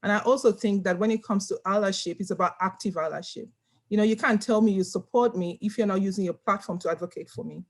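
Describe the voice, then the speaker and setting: On a video call panel from a home room, a Nigerian woman talks fast in a mid-range voice. She's earnest and emphatic, often repeating words to stress her points.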